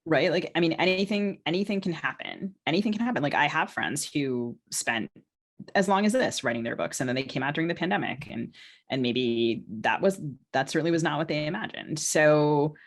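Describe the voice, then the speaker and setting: Brisk and expressive in a deep voice, a female novelist talks about writing in a casual podcast conversation as co-host. She's informal and self-deprecating, regularly hunting for the right words.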